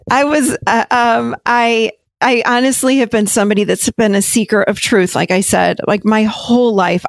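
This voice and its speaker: A woman from Rochester, New York, a therapist talking as a podcast guest in a chatty, quick way, correcting herself and laughing often. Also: medium pitch, creaky, dry recording. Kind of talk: casual interview talk.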